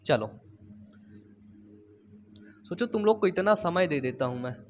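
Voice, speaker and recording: Young male biology tutor, high voice, chatty and teasing. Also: expressive, measured pace, a little hiss or hum. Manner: chatty, teasing students, repeats phrases. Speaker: biology teacher. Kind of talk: casual online lesson. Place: home studio.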